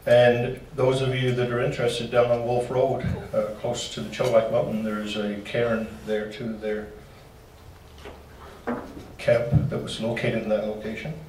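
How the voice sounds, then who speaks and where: A man's voice: medium pitch, monotone, measured pace, darkish tone, slight background noise. A man giving a slide-show history talk to a club, folksy and dropping joking asides. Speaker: local history presenter. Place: meeting room. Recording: roomy hall from far off.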